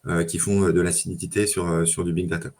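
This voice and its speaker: Man, very low voice, easygoing tech podcast guest, lots of "euh". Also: fast talker. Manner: relaxed, many fillers and restarts. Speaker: data engineer guest. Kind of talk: casual tech chat.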